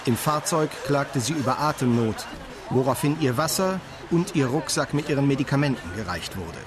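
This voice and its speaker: A man's voice: mid-range voice, expressive, normal speed, a crowd in the background. A man reading an official police report aloud in a dry, officious manner.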